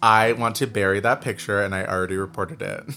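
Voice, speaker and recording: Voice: low-pitched, steady tone, brisk, over loud music. A podcast co-host chatting casually, joking and swearing in a tired, giddy way. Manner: joking, swearing, self-mocking. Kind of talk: casual chat.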